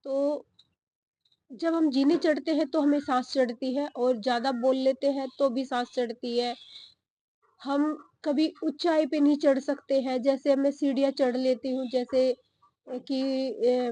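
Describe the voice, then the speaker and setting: A young woman vlogging from her garden, short of breath and talking slowly with pauses. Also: sits high, warm tone. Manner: slow, breathy-paced talk with pauses. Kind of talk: casual vlog talk to camera. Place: home garden outdoors.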